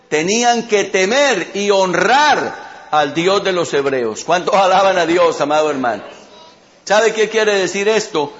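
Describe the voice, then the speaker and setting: A male pastor delivers a storytelling sermon and keeps calling out to his congregation. His voice is high for a man. The recording has a dull, lo-fi quality. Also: fairly bright tone. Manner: storytelling with repeated call-outs to the congregation.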